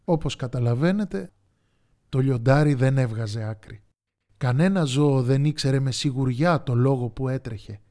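A man narrating a children's folk tale in an expressive, sing-song way. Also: medium pitch. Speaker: storyteller.

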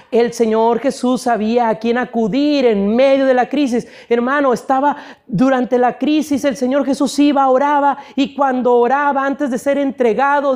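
A man's voice: high voice, mellow. A male pastor preaching a sermon to his congregation, calling them brothers, at times pleading and crying out. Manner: preaching with rising, pleading intensity, addressing listeners as brothers.

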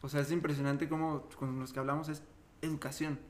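A man's voice: fairly high pitch, level tone, fairly quick. A man co-hosting a casual podcast, speaking earnestly with frequent rambling restarts. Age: 30s. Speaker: podcast co-host.

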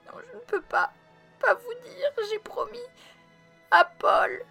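A woman voicing a remorseful little girl who talks haltingly, on the verge of tears. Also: sits high, sharp tone, soft background music, voice pushed up. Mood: upset. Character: young girl, remorseful, tearful.

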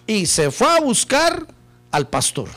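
Male preacher, high and very animated voice, fiery sermon delivery that swings from hushed to shouting. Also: takes it slowly. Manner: impassioned preaching, swings from low murmurs to shouted peaks; keeps addressing listeners as "hermano". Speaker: pastor.

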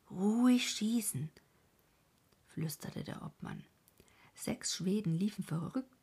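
A woman's voice: medium pitch, darkish tone, breathy edge. A woman narrating a historical novel as an audiobook, often dropping to a half-whisper.

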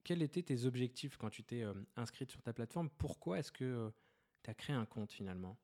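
A man's voice: mid-range voice, animated, a little fast, a little mellow. A man hosting a podcast, reading a scripted intro and then asking questions with frequent hesitations. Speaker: podcast host.

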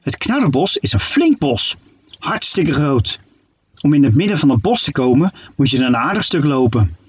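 A male storyteller reading a children's tale with a lively, playful lilt. His voice is husky and somewhat high, and it comes across dull and muffled. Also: normal speed, no room sound. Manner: playful, expressive storybook narration.

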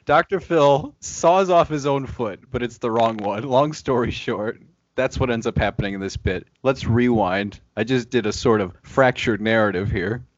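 A man's voice: medium pitch, normal speed, dry recording, lo-fi sound. A man hosting a casual podcast chat, playful and teasing, recorded over a video call. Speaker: podcast host.

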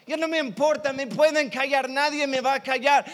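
A man preaching in a hall voices a desperate blind beggar, shouting and pleading loudly. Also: very high voice, fairly even intonation, normal speed.

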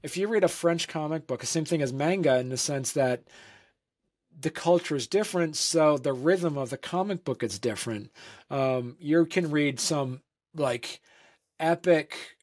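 A man's voice: on the high side, a little slow, a little mellow. A man from Vermont, a comic creator, answering interview questions in a rambling casual way, with many fillers and restarts.

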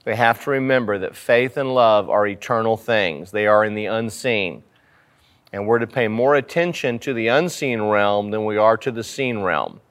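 A man's voice: lowish voice, normal speed, fairly bright tone, clear, resonant tone. A man preaching as a pastor in a church sanctuary, teaching from scripture and repeating phrases for emphasis with rhetorical questions.

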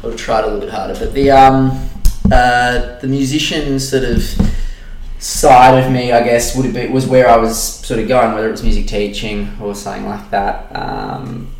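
A man's voice: medium pitch, level tone, normal speed, echoey room, slight background noise, rough recording. A man in his twenties with an Australian accent, co-hosting a casual podcast and rambling with fillers and swearing, recorded in an apartment. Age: 20s. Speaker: podcast co-host. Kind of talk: casual chat.

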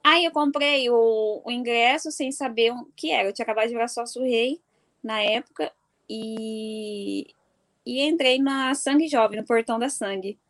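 A woman from do Sul, casually telling a personal story in an animated way and laughing often. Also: on the high side, moderate pace. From Mato Grosso do Sul, Brazil. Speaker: football fan.

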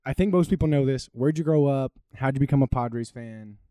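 Chill socal dude on a podcast, mellow voice, dry mic. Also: male voice, mid-range voice, brisk, smooth, no echo. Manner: laid-back, laughs often. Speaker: podcast co-host. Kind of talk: casual podcast chat, ad reads.

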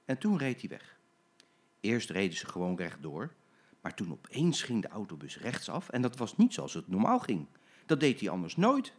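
An older man, a grandfather, reading a children's story aloud in an expressive storytelling manner. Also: fairly low pitch, moderate pace, breathy edge.

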